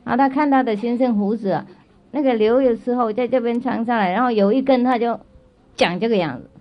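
A woman's voice: on the high side, fairly quick. A woman spiritual teacher telling a story to children in a chatty way, often repeating herself and asking if they follow. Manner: chatty, checks in with listeners often; repeats and restarts phrases. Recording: dull lo-fi recording.

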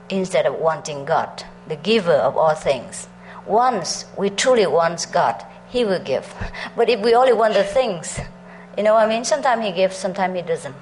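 A middle-aged woman from Vietnam, a spiritual teacher, chats through stories for a meditation group, frequently laughing and questioning her listeners. Her voice sits on the low side, and the low-quality recording carries slight background noise.

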